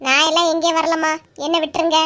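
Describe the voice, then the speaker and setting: A woman's voice: extremely high pitch, flat delivery, fast, sharp tone. A woman with a Kanyakumari Tamil accent voicing a quarrelsome middle-aged village woman in a comic cartoon, scolding and indignant. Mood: sulky.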